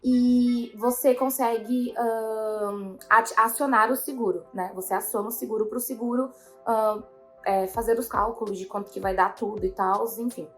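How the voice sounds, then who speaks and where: A woman's voice: on the high side, fairly even intonation, normal speed, soft background music. A young woman, telling a story to her viewers in a rambling way, full of fillers and quotes of herself. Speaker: vlogger.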